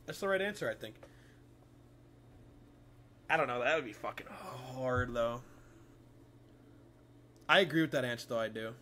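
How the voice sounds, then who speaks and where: A man's voice: medium pitch, animated, moderate pace, long pauses, bright, forceful tone, a little hiss or hum. A young man chatting casually as a game streamer in a crude, slangy frat-bro manner with lots of swearing. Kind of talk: casual livestream gameplay chat.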